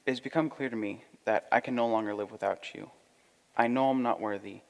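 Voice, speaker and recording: An actor playing a vain, pompous young gentleman who is sure of his own worth, in a comic audio drama. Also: on the low side, fairly even intonation, brisk, vocal fry, big-room sound. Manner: pompous, self-satisfied, theatrical.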